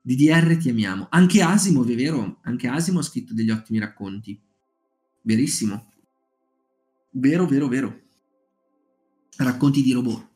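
In an expressive, somewhat mellow mid-range voice, a man talks at normal speed but pauses often, with faint music in the background. As the streamer leading a writing group, he chats loosely with viewers, recommends short stories, and reads aloud, stumbling through fillers and restarts.

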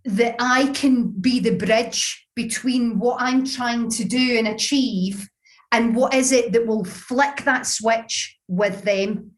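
Glaswegian woman with a higher-pitched voice. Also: fairly even intonation, takes it slowly. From Scotland. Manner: explanatory, illustrates points with examples. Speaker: business founder, interview guest. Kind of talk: conversational interview answers.

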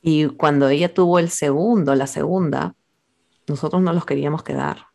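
A woman's voice: sits low, moderate pace, vocal fry, mellow. A woman who is a step-grandmother, joining a casual panel chat with blunt, joking remarks.

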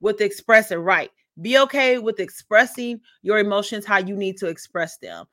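A woman's voice: mid-range voice, normal speed, fairly bright tone, dry recording, clean studio sound. A woman life coach speaking as a podcast guest, encouraging and affirming. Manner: encouraging, affirming, calls listeners baby and y'all. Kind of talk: casual podcast conversation.

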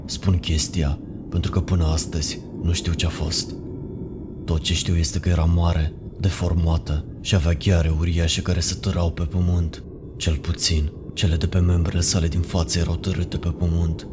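A man narrating a horror story in a measured, ominous way. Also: low voice, flat delivery, very noisy. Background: music.

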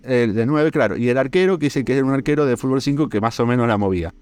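A young man with an Argentine accent hosting a podcast, telling a story in a casual, animated way with lots of fillers. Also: medium pitch. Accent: Argentine Spanish. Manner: animated, drawn-out fillers, laughs while telling. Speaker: podcast host.

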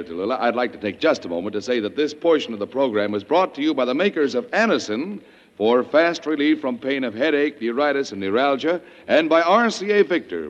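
Old radio announcer man, animated delivery. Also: mid-range voice. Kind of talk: old radio announcer, scripted sponsor reads. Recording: vintage 1950s radio recording, dull, echoing hall.

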